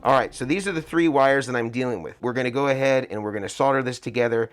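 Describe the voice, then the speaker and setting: A man's voice: medium pitch, quick pace, faint music behind. American man instructing through a face mask. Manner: explanatory, step-by-step. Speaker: tutorial host, guitar rig builder. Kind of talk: hands-on tutorial talk.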